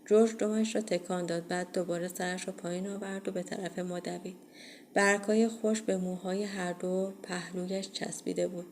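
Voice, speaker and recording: A woman reading a first-person horror audiobook in a steady, measured way. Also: fairly low pitch, slight background noise. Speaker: audiobook reader.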